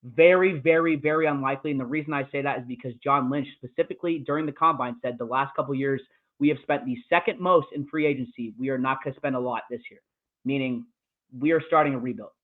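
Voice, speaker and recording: A man's voice: medium pitch, fast. A man co-hosting a casual sports podcast, ranting with heavy profanity about his football team. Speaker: podcast co-host. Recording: tinny phone-like call audio.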